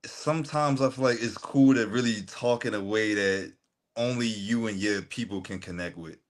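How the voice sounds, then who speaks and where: A man's voice: fairly low pitch, normal speed. A man, co-hosting a casual chat in an easygoing, joking way and asking questions. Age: 30s. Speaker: co-host.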